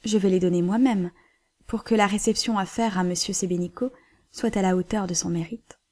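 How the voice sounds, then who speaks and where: A woman reading the part of a cool, dignified banker's wife who schemes calmly. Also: mid-range voice, fairly quick, close to an everyday voice. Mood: composed.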